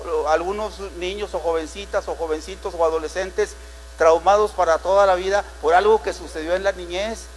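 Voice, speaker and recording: A man's voice: high-pitched, long reverb tail, a little hiss or hum, rough recording. A man with a Mexican Spanish accent preaching a sermon as pastor, telling the story dramatically and asking rhetorical questions.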